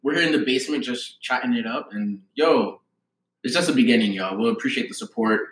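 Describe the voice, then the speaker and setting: A man's voice: mid-range voice, brisk. Man, young adult, mid-range voice, slangy, casual podcast talk, roomy echo. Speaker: podcast co-host. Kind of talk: casual chat. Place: basement, indoors. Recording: echoey basement room.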